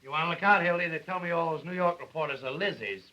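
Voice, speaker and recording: An actor playing a sardonic pressroom reporter, trading mocking screwball comedy banter on a noisy 1930s film soundtrack. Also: male voice, a little high, fast, sharp tone, dull audio. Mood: teasing. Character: sardonic, teasing pressroom reporter at a card game.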